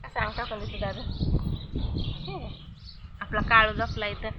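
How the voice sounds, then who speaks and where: A woman's voice: medium pitch, little pitch movement, moderate pace, highs cut off, background noise. A woman chatting casually to camera for her vlog, coaxing a small child in a sing-song voice. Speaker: vlogger.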